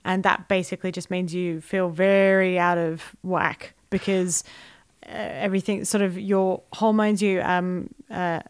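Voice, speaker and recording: A woman's voice: fairly low pitch, little pitch movement, measured pace, clean tone, no room sound, clean studio sound. A woman with an Australian accent chatting casually as a podcast co-host. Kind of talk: casual chat.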